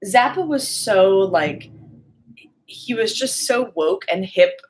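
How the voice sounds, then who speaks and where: A woman's voice: medium pitch, animated, takes it slowly, poor audio. A woman co-hosting a podcast, chatting about music with enthusiasm and lots of "like"s. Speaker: podcast co-host. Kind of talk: casual conversation about music.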